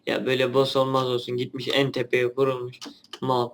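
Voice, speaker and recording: A man's voice: mid-range voice, monotone, brisk, slight background noise. A young man, a gaming channel host giving casual gameplay commentary, chatty and grumbling at the game.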